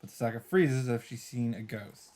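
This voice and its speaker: Reading a visual novel's narration out loud, a man in a let's play drops in offhand, wry comments. His mid-range voice moves a little fast against loud background music from the game.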